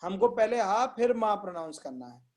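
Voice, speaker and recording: A man's voice: high-pitched, big pitch swings, normal speed. A man teaching Sanskrit pronunciation in an online class, patiently repeating sounds and checking that his students follow.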